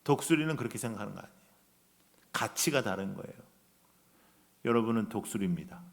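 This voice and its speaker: A man preaching a revival sermon in a church, acting out voices in his story and shifting between loud outbursts and hushed lines. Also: lowish voice, expressive, fast, vocal fry. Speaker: guest preacher. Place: church sanctuary.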